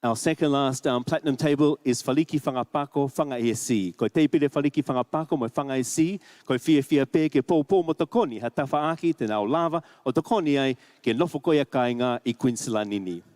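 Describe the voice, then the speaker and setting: A man's voice: mid-range voice, brisk, few pauses, darkish tone, dry recording. Tongan-accented man as formal master of ceremonies. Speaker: master of ceremonies at a charity dinner. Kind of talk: formal event announcing, partly read out.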